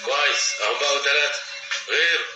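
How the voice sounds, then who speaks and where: An actor playing a bossy middle-aged man with an Egyptian accent, briskly commanding a group. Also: mid-range voice, pushed and bright, roomy sound, faint music behind, rough recording. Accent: Egyptian Arabic. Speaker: man running a test to find a thief.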